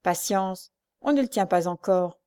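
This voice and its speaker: A woman's voice: on the low side, expressive, measured pace, warm tone, smooth. A woman reading aloud and voicing a crafty, coarse young male rogue. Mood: scheming.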